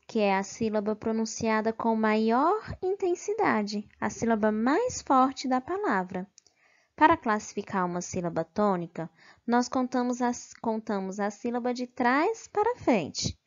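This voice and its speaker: Woman teacher reviewing grammar, slow and deliberate, dull lo-fi recording. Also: fairly high pitch, big pitch swings. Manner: slow and careful, stresses syllables, checks in with "ok?".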